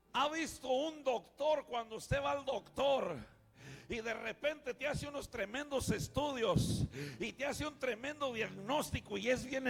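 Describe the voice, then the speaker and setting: A male pastor preaching a sermon, calling out to the congregation and swinging from quiet asides to shouting. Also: very high-pitched, creaky, slightly rough. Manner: calls out to the congregation, often says "hermano".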